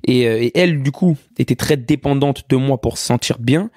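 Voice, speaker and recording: A man in his twenties, a podcast guest from France, talking relaxed and reflective in casual conversation, often checking in with "you see". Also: mid-range voice, fairly quick, no echo, clean studio sound. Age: 20s. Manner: relaxed, many restarts and "tu vois".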